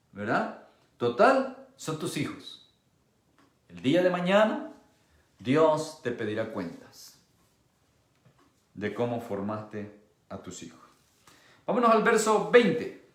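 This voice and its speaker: A male pastor preaching a sermon with passion, moving between hushed tones and a raised voice. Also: medium pitch, roomy sound.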